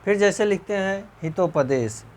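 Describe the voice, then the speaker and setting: A man teaching a recorded exam-prep grammar lecture, repeating points slowly, often clearing his throat, and checking whether students understood. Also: expressive, slight background noise. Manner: slow, repetitive, checks understanding with rhetorical questions; voice drops low at the end of answers. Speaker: Hindi teacher.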